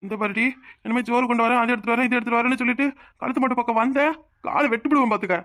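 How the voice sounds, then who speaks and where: A woman voicing an emotional young village husband in a cartoon, with a Tirunelveli Tamil accent, pleading and quick to flare up. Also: on the high side, steady tone, a bit bright, no echo, clean studio sound, natural voice. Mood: earnest. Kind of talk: cartoon voice acting.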